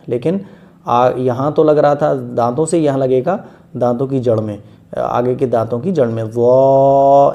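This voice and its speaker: A man's voice: mid-range voice, gravelly, highs cut off. A man teaching a beginners' Quran reading lesson, explaining letter sounds patiently and stretching each letter long in one breath.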